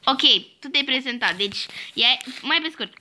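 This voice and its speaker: A young woman hosts a casual Minecraft let's-play in a high, bright voice. She talks in a bossy, teasing, playful way to her friend. A faint hiss sits under the recording. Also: animated. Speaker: host.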